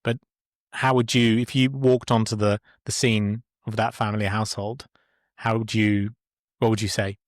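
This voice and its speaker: A man hosting a podcast interview in a casual way, often pausing with fillers and restarting his sentences. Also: fairly low pitch, little pitch movement, dry recording, studio quality. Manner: hesitant, many fillers and restarts. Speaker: podcast host.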